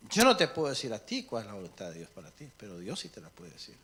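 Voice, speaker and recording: A man preaching a sermon with emphatic swings between loud and soft, acting out prayers and little dialogues. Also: fairly low pitch, huge pitch swings, quick pace.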